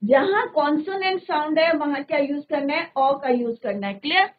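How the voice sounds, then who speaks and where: A woman's voice: sits high, normal speed. A woman teaching a classroom grammar lesson, mixing Hindi and English and often asking the class to confirm they follow. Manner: asks frequent checking questions. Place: classroom studio. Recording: phone-like narrow band.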